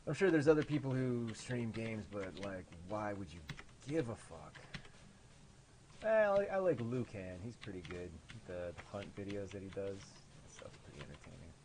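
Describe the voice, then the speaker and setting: Low-voiced Midwestern game developer, nasal, sardonic and self-mocking while playing his own game, faint keyboard clicks behind. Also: expressive, moderate pace, a little mellow, slight background noise, rough recording. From American Midwest. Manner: sarcastic, profane, self-deprecating. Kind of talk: gameplay commentary.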